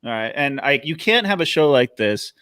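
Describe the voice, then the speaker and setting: An American man talking casually as a guest panelist on a livestream, animated in telling his stories and acting out reactions. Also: medium pitch, moderate pace, smooth, no echo, clean studio sound. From Los Angeles, United States.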